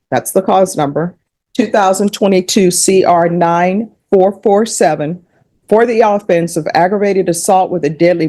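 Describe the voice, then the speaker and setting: A woman's voice: fairly low pitch, warm tone. A woman judge, reading out charges and questioning a defendant in formal courtroom language. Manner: procedural, measured questioning.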